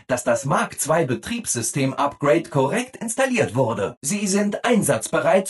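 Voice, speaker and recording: A man voicing a relentlessly cheerful, eager-to-please robot assistant in a video game, over-polite and exaggeratedly upbeat, with a husky voice. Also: a little high, full character voice.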